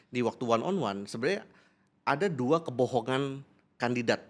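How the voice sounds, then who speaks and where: A man's voice: mid-range voice, expressive, normal speed. A man who is a business coach, explaining in a podcast conversation, laughing often and acting out interview exchanges.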